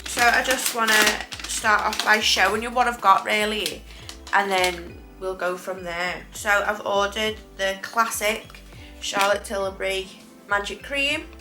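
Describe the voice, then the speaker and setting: A woman's voice: mid-range voice, fairly even intonation, measured pace, music in the background. A British woman chatting casually to camera as a beauty vlogger, rambling and correcting herself, her speech slightly impeded after dental work. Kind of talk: casual makeup review chat to camera.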